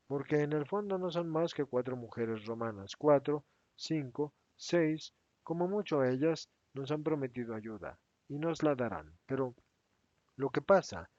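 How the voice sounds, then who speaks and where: An indignant, defensive apostle who keeps protesting, his voice pushed higher and louder than the narration, as a male reader acts him out. His pitch swings widely. The recording is dry and a bit dull. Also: no room sound, lightly acted. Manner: agitated, protesting, raised voice. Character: resentful, defensive male apostle Judas, adult.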